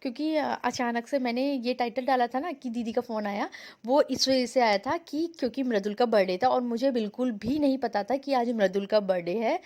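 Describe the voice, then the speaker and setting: A woman's voice: fairly high pitch, normal speed, a little mellow. A young woman from India narrating her family vlog in a chatty, rambling way, mixing in English words. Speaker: vlogger.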